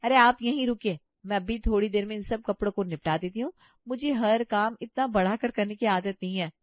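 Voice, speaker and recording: A woman's voice: mid-range voice, moderate pace, no room sound, natural voice. A woman voicing a careless, boastful young daughter-in-law who talks in a hasty, dismissive way, on a dull, lo-fi recording. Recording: dull lo-fi sound.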